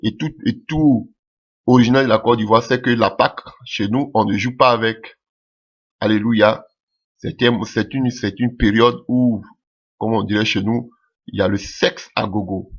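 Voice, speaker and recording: A low-voiced preacher from Ivory Coast delivers a sermon, dropping hallelujah between his phrases and repeating words as he goes. His voice is gravelly and husky. The recording is dull and lo-fi. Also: steady tone, moderate pace.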